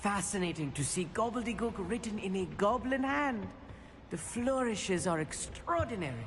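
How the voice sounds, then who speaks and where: A man's voice: sits high, lively intonation, moderate pace, fairly bright tone, in a large hall, slight background noise. A man voicing a bookish young male wizard student in video game dialogue, earnest and easily fascinated. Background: game music.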